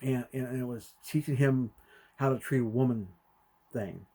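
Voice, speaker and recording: A middle-aged man co-hosting a podcast, telling a family story and acting out the voices in it with sudden loud bursts. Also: mid-range voice, normal speed, breathy edge. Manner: animated, acts out quotes with sudden loud jumps. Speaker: podcast co-host. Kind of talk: conversational storytelling.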